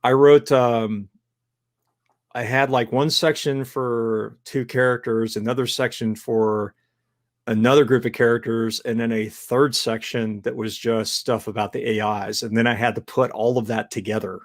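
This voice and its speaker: On a podcast he co-hosts, a novelist talks about his writing in a loose, rambling way, cursing and laughing a lot. His medium-pitched voice stays level, at a normal speed.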